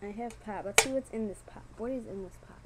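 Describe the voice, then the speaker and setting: A woman's voice: mid-range voice, fast. A young woman chatting casually to camera in a blunt, teasing way, as an amateur video maker. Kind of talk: casual joking chat to camera. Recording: very noisy amateur home video.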